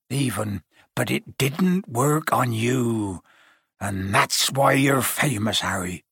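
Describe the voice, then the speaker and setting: A huge bearded giant with a gruff, emotional way of talking, played by a male storyteller. His voice is husky and sits a touch high, and the recording is dry and close. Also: a bit bright, dry recording, heavily acted. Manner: rough country speech, emotional.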